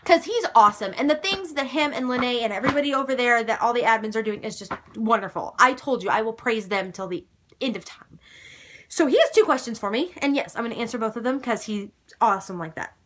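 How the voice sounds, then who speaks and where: Bright-voiced chatty young woman. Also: on the high side, lively intonation, fast, slight background noise. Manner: chatty, gushing and emphatic, with mild swearing. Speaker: fan vlogger answering viewer questions. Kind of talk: casual chat.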